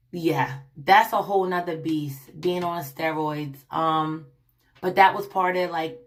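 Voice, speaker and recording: This is a young woman telling her own story straight to her viewers in a casual vlog. Her voice sits a little low and carries a smoker-like rasp from a lingering cough. She rambles, restarts her sentences and keeps calling her audience y'all. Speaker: vlogger. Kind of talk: casual personal story to camera.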